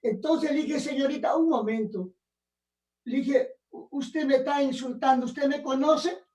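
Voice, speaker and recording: A woman preaching a sermon and telling a testimony, emphatic and rising to shouts on key phrases. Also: high-pitched, measured pace. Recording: echoey room, mic at a distance.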